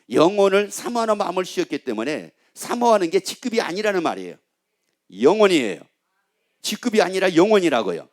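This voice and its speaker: A man preaching a sermon with a high, lively voice that climbs and falls a lot. He keeps asking the congregation questions and repeats his phrases in long rolling lists. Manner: rhetorical questions and repetition. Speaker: pastor.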